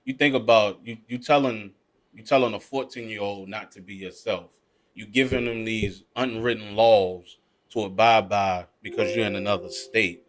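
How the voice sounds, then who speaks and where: A man's voice: on the low side, fairly even intonation, moderate pace. A man co-hosting a podcast, talking in a casual, reflective way about being a parent. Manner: reflective, speaks of his own kids. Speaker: podcast co-host. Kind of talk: casual chat.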